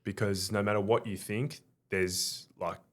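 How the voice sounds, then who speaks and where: An Australian man, a podcast guest, telling relaxed work anecdotes in a casual, conversational way. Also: fairly low pitch, a little slow. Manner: relaxed, anecdotal, with frequent "like" and "sort of".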